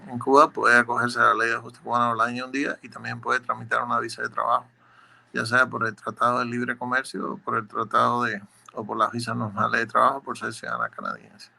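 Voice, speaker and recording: A man's voice: medium pitch, monotone, quick pace, vocal fry, bright, forceful tone. A man working as an immigration lawyer, answering legal questions in a methodical, explanatory way, often repeating words as he searches for the next one.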